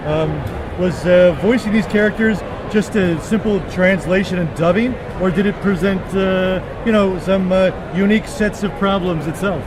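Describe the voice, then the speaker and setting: A man puts on a goofy, excitable puppet interviewer with a high voice. He gushes and stammers like an eager fan, with clear outdoor traffic noise around him. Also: normal speed, close to an everyday voice. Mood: eager, fannish.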